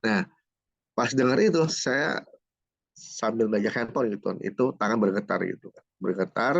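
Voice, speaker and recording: A man's voice: on the low side, moderate pace, creaky, husky, dry recording, lo-fi sound. A middle-aged man from Jakarta giving a personal testimony as an interview guest. He tells his story in a storytelling way and acts out the dialogue, tagging his lines with little asides. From Jakarta, Indonesia. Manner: storytelling, acts out dialogue, many "gitu kan" tags. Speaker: guest, certified trainer.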